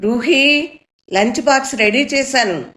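A woman's voice: on the low side, unhurried, reverberant, lightly acted. A woman voicing an anxious, caring middle-aged mother who fusses over her daughter, raised a little above her own reading voice. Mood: calling out. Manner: fretful and fussing, then soothing.

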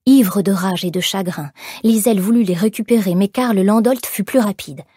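A woman narrating an audiobook in measured, expressive storytelling. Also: medium pitch, breathy edge, no echo, studio quality. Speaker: audiobook reader. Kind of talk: scripted narration.

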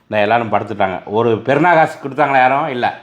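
A family vlogger hosts a casual vlog, speaking glumly and directly to his viewers in a rapid-fire, medium-pitched voice. A few times he breaks into a sad song.

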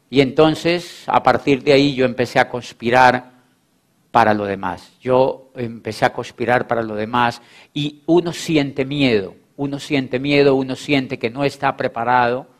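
A man giving a motivational stage talk to an audience, repeating phrases for emphasis and acting out quoted voices. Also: medium pitch. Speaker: motivational speaker.

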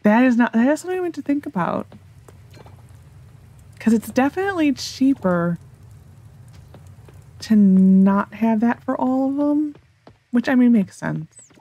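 She talks through her game in a rambling, casual way, thinking out loud to herself, a US gaming video host with a General American accent. Her fairly high voice is animated, warm and a little slow, with frequent pauses.

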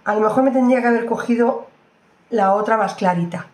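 A woman's voice: fairly high pitch, brisk, a little mellow. Chatty woman in an echoey room. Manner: chatty, exclamatory, repeats phrases, addresses viewers fondly. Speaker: beauty vlogger. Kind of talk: casual makeup review.

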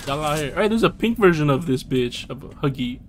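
A man giving let's-play commentary on a game, talking to himself in slangy, profane bursts and shouting when startled. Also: fairly high pitch, expressive, a little fast, a little hiss or hum. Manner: slangy casual speech. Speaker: gaming video host.

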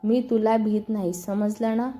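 A woman's voice: mid-range voice, steady tone, measured pace, warm tone, faint music behind, lightly acted. Woman voicing a sulky young wife. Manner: curt, defensive replies.

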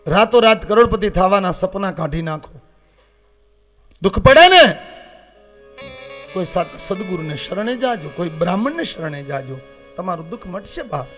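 Fifty-something Saurashtra-accented male preacher, very high voice, fiery sermon cadence over soft instrumental music. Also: expressive, moderate pace, long pauses. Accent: Saurashtra Gujarati. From Gujarat, India. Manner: impassioned, swings between loud warnings and low confiding asides. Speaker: Shiva katha preacher. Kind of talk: devotional katha sermon. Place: open-air katha gathering with live accompaniment.

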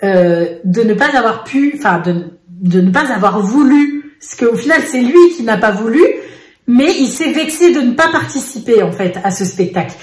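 A woman vlogger chatting to her camera about family life. Her voice sits a little high and she tells it in an animated way, with lots of fillers. The room around her is echoey. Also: moderate pace. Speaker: vlogger mother. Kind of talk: casual chat. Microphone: face camera.

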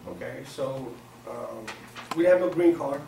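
Speaking a little slowly in a mid-range voice, this seminar speaker offers a casual, streetwise pep talk to a small audience. He's in his forties, from Pakistan, raised in Virginia, and not a native English speaker. The recording is noisy and echoey, captured by a far-off camera microphone in a small indoor conference room.

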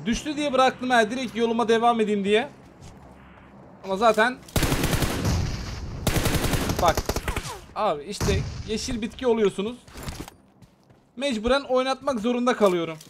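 A man with a high voice commentates his own shooter match for viewers. He talks excitably, swears when something surprises him, and chats casually between fights. Faint gunfire and game sounds stay under the voice. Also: normal speed, long pauses, noisy background. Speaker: gaming channel host. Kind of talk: live gameplay commentary.

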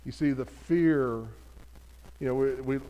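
A man's voice: medium pitch, fairly even intonation, a little slow, dark tone. A pastor preaching a sermon in an earnest, conversational way, putting direct questions to his congregation.

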